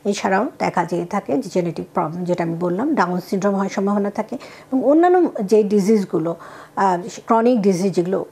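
A woman doctor with a Bangladeshi Bengali accent gives a measured health explanation to viewers. Her voice is a little husky and sits at an ordinary middle pitch. She pauses often and mixes English medical terms into her speech. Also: expressive, dark tone. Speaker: gynecologist answering viewer questions.

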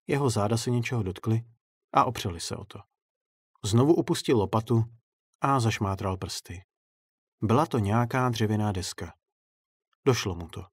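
Husky low male storyteller. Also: no echo, studio quality. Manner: steady, measured storytelling. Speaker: narrator. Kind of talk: audiobook-style story narration.

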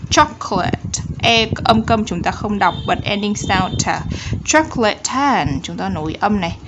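A woman with a Vietnamese accent teaches English pronunciation, drawing out each English phrase slowly before quickly explaining the sounds. Her voice sits at an ordinary middle pitch. A steady layer of background noise runs under the recording. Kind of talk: pronunciation lesson.

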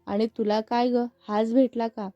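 A woman's voice: a little high, flat delivery, a little slow, no echo, natural voice. A woman reading the lines of a young woman who scolds and teases her friend. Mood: teasing. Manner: scolding, teasing. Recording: muffled with faint background music.

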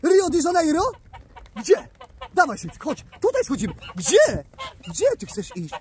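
A man vlogging outdoors by the water, excitedly coaxing his pet bird and calling its name. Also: very high voice, a little slow. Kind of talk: casual outdoor vlog.

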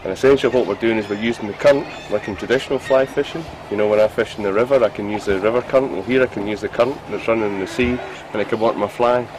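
A man's voice: fairly low pitch, rapid-fire, few pauses. A middle-aged man, an angler explaining his fly fishing gear to the camera, keen and stumbling over repeated words. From Scotland. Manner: enthusiastic, repeats and restarts words. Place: small open boat at sea outdoors. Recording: outdoor boat with sea noise. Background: wind, water and boat noise.

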